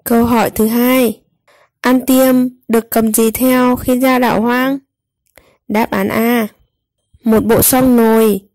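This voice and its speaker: A woman narrating a scripted storybook tale for young children, enunciating clearly as a storyteller. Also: fairly high pitch, flat delivery, slow pace, long pauses, darkish tone, no echo.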